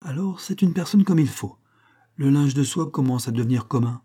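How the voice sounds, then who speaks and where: A man voicing a calm, scheming young female maid, politely deferential and matter-of-fact. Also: medium pitch, moderate pace, slightly rough.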